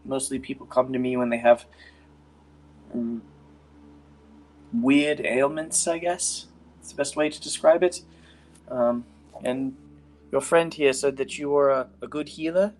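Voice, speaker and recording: Tentative village healer woman for a fantasy game, played by a man, pitched up, apologetic. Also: darkish tone, soft background music, close to an everyday voice. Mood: hesitant, apologetic. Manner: halting, tentative. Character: hesitant, apologetic female resident healer, unsure of herself.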